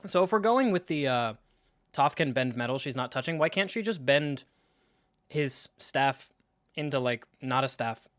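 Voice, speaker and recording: A man's voice: medium pitch, lively intonation, normal speed, a bit bright, no room sound. A young man streaming a live film reaction and ranting about it with sarcastic, profane disbelief. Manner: sarcastic, profane, incredulous rants.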